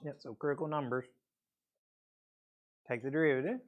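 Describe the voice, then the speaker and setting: A man's voice: on the high side, steady tone, moderate pace, phone-quality sound. A man teaching a math class, explaining step by step in a casual way with frequent okays, his voice a bit weak and a peppermint in his mouth. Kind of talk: classroom lecture.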